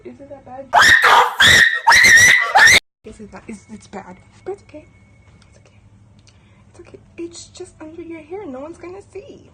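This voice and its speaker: A woman's voice: sits high, very animated, normal speed, pauses often, mellow, shouting. A woman vlogging casually as she nervously narrates her own haircut, with lots of exclamations and swearing.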